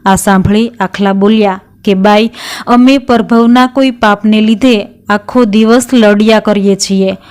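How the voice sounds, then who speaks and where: Smooth-voiced woman telling a devotional tale. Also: mid-range voice, steady tone, a little slow, a little mellow. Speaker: storyteller. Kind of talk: devotional folk tale narration.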